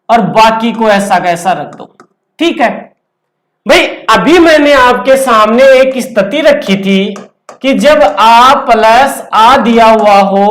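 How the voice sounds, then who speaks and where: Slow, echoey-voiced woman teaching grammar. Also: a little high. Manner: asks the class questions and answers them herself; repeats key terms over and over. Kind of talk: classroom lesson with questions to students.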